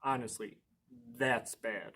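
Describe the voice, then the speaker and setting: With playful expression, a library storytime reader and host performs a picture book for children, leaning on drawn-out key words, quizzing the listeners and adding chatty asides. His voice is mid-range, and there's a little hiss or hum.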